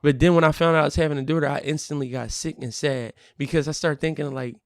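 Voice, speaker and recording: A young man talking earnestly as a podcast guest, with a voice a touch higher than most men's. He tells his stories with feeling and acts out his own quoted words. The sound is dry and close, with no room echo. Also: fast. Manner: earnest, animated storytelling with acted quotes. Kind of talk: casual conversation.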